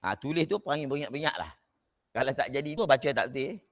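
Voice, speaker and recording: A man, a religious teacher telling an anecdote in an online class in an animated way, his voice jumping up when he gets excited. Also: medium pitch, fast talker.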